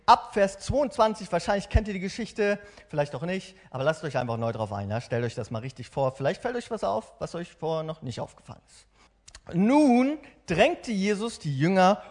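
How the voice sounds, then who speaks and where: Animated high-pitched young male preacher. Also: brisk. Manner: lively, animated, chatty asides with frequent "ja?". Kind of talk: sermon with dramatic Bible reading.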